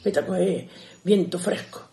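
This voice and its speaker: A woman's voice: fairly low pitch, normal speed, creaky, dark tone, a little hiss or hum. Older woman acting out a stern scolding mother. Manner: scolding, insistent. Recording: roomy echo.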